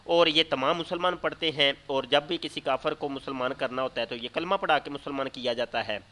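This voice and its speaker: A man's voice: on the high side, pushed and bright. A man presenting a recording, explaining in a conversational way with small restarts. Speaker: channel presenter. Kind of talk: casual spoken introduction.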